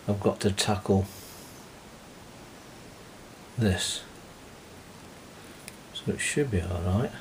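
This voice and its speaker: A hobbyist repairing a reel-to-reel deck mutters an easygoing running commentary while cleaning parts of the old tape machine. His fairly low voice is a little mellow, with a bit of hiss or hum in the recording.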